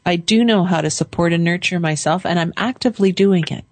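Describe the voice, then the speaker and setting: A woman hosting a call-in show, calmly leading a caller through affirmations phrase by phrase. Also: lowish voice, dry recording. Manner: calm, slow, leads phrases for repeating. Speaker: radio show host and coach.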